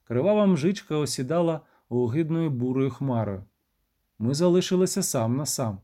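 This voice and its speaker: Guy reading an audiobook, kinda high voice but mellow and soft. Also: normal speed. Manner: even storytelling that lifts and grows loud for shouted lines. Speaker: audiobook narrator. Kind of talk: first-person audiobook narration.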